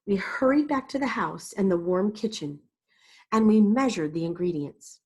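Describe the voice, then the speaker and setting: A woman's voice: medium pitch, expressive, moderate pace, a little mellow, husky. A woman storyteller reading a picture book aloud expressively and dramatically for young children. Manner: dramatic, explains to young listeners.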